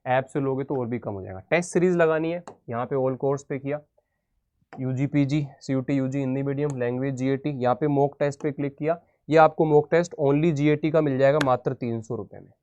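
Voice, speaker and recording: A man's voice: medium pitch, fairly quick, a little mellow, dull audio. A man teaching exam strategy in an informal lesson, talking directly to students with casual, blunt encouragement. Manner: direct, addresses students as "beta" and "yaar".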